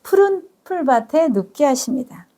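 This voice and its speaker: A woman pastor giving a sermon in a high, bright voice. She tells stories with real feeling and sometimes catches her breath mid-sentence. She reads English verses slowly and carefully, then explains each one in simple words. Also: big pitch swings. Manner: emotional, storytelling delivery with gasps.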